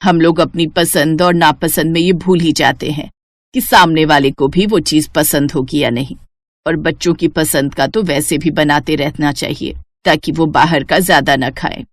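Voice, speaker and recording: A woman's voice: low-pitched, fairly even intonation, normal speed, no room sound. Bossy old grandmother, scolding and instructive, voiced by a woman, dry close sound. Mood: reflective. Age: older. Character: grandmother, bossy but caring mother-in-law. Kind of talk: Hindi cartoon voice acting.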